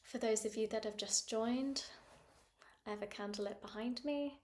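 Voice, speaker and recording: A woman leading a guided meditation in a soft, gentle voice that often drops into a whisper. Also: on the high side, steady tone, moderate pace.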